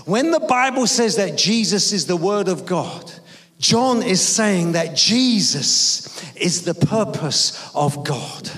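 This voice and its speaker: A man's voice: sits high, very animated, slow pace, fairly bright tone, in a large hall. A man from London, raised speaking Greek, preaching an emphatic sermon with jokes and call-and-response. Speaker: evangelist preacher. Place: church hall.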